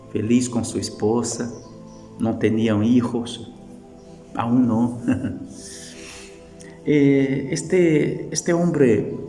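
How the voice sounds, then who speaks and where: A male pastor with a Brazilian Portuguese accent and Portuguese as his first language, giving a gentle, halting sermon with storytelling. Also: mid-range voice. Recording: echoey hall with faint music.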